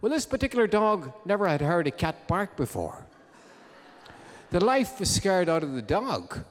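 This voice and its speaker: A man, hosting a live music show and telling a comic story to the audience with droll timing. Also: fairly high pitch. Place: live concert hall. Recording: long hall reverb from a live venue.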